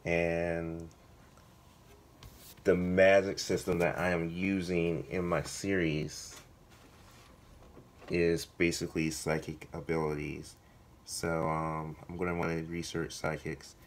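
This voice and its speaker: A man with a hoarse voice that is giving out, talking casually to viewers as a vlogger, halting and correcting himself as he thinks aloud. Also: low-pitched, flat delivery, a little hiss or hum. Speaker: video blogger, writer. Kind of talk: casual vlog talk to viewers.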